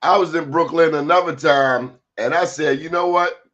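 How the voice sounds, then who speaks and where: A man's voice: on the high side, moderate pace, fairly bright tone, dull audio. A man hosting a talk show, telling comic stories in casual, colloquial, exclamatory chat.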